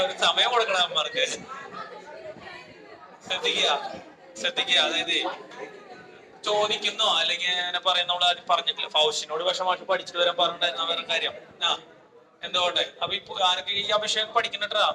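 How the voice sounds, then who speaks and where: Male chemistry teacher, Malayali accent, high bright voice, quizzing and scolding in an echoey classroom. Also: distant mic. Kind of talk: classroom lecture with questions to students. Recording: echoey classroom with faint noise.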